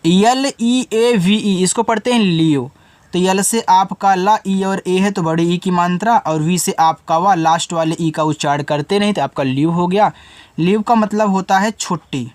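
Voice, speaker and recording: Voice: mid-range voice, moderate pace, a little mellow, dry recording. A teacher giving a spelling lesson, sounding out English words letter by letter, explaining each step and asking students questions.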